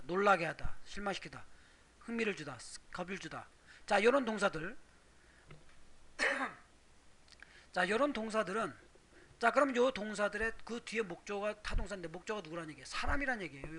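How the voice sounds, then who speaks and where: A Korean man teaching English grammar, explaining step by step with rhetorical questions and reading English examples slowly. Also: sits high, a bit bright. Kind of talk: recorded grammar lecture.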